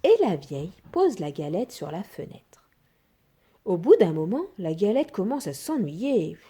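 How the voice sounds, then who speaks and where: A woman reading a children's fairy tale aloud in an expressive, sing-song storytelling manner. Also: on the low side, a little slow, breathy edge.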